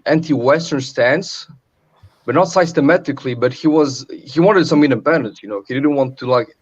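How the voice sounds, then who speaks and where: Rambling man on a muffled video call. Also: mid-range voice. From Serbia. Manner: rambling, heavy with fillers and restarts. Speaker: open mic call-in participant. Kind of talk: casual political discussion. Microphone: webcam video call. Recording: dull lo-fi call audio.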